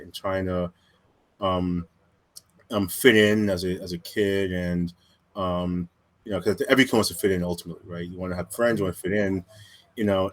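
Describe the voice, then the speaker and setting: This is a man around forty who grew up in New York, answering interview questions over a video call. His voice sits slightly low, and he talks in a relaxed, reflective way, often pausing to find his words. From Staten Island, New York, born in Cameroon. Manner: relaxed and reflective, with many pauses and fillers. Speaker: interview guest, entrepreneur. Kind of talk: conversational interview.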